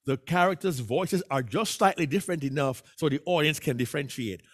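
A man presenting a public speaking workshop, explaining his points in an animated way and acting out voices as he goes. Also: a little high, fairly quick.

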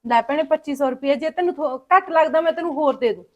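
A woman with a Punjabi accent, acting in a family short film, coaxing and pleading to smooth things over. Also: sits high, quick pace, lo-fi sound. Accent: Punjabi (Malwa). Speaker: actor playing a sister-in-law.

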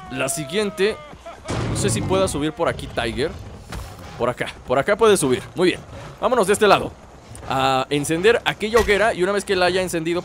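A young man with a Mexican accent giving chatty, excitable let's play commentary, talking to his companion as he plays. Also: fairly high pitch, slight background noise. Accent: Mexican Spanish. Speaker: gameplay channel host.

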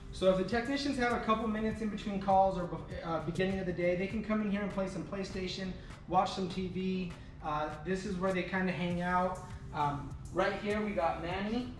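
A man in his thirties giving a relaxed walking tour of his company's warehouse and offices, with frequent fillers. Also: high voice, far from the mic. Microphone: camera following him, mic at a distance. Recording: echoey rooms, voice a bit off-mic, soft music underneath.

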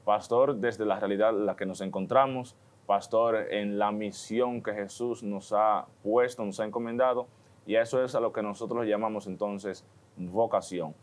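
A man's voice: lowish voice, steady tone, normal speed. A man who speaks for those with a religious vocation on a TV panel. He explains the Gospel in a thoughtful, step-by-step way, often linking his points with "entonces.".

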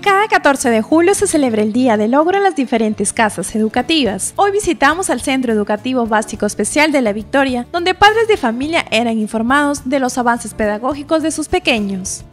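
A woman's voice: sits high, a little fast, hardly any pauses, soft background music. A woman with a Peruvian Spanish accent reading a scripted news voice-over in an announcer style. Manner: lively, announcer-like. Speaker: news reporter.

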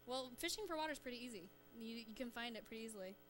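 A bright, forward woman with a slightly high voice gives a children's sermon in a church. She keeps the children involved with quick questions and playful prompts. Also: slight background noise. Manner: lively, coaxing children with questions. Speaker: church children's message leader. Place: church sanctuary.

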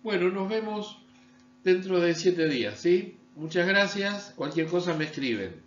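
A man from Argentina, giving a recorded online university lecture and often checking understanding with a quick "¿sí?". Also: expressive. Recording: echoey room, dull low-fi sound with mains hum.

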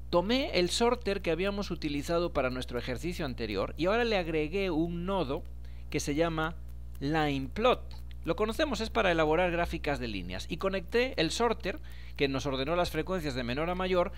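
A man, explaining a data analysis tutorial step by step and speaking directly to his viewers. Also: a little high. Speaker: instructor. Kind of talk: screen-recorded tutorial.

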